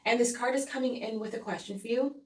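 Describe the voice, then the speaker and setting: This tarot reader and astrology host speaks fast in a slightly high, fairly even voice, earnestly and soothingly walking viewers through the week's energy with tarot cards and checking in with repeated "okay?"s. The room echoes, and she sits a bit back from the mic.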